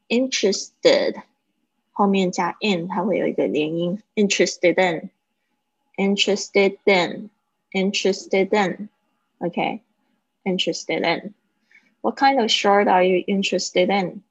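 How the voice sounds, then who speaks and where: A woman teaching a livestreamed English lesson, explaining step by step and repeating words slowly to model their pronunciation. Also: on the low side, creaky, husky, no echo. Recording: dull lo-fi livestream audio.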